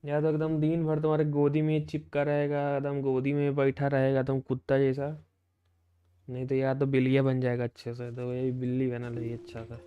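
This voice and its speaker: A man's voice: mid-range voice, monotone, normal speed, clean tone, dry recording, highs cut off. A man, a game streamer at home, coaxing his cat in doting baby talk between casual chat. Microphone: desk microphone.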